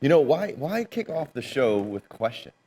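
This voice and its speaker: A man's voice: medium pitch, sing-song, moderate pace, mellow, slight background noise. A man co-hosting a casual live-stream chat, teasing his partner and switching between bursts of hype and mumbled asides. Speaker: co-host.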